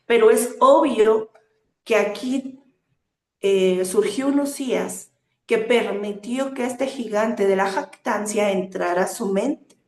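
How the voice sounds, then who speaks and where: Speaking slowly in a mid-range voice, a woman teaches earnestly through a sermon full of rhetorical questions, with hesitant fillers between her phrases. The recording has an echoey room sound.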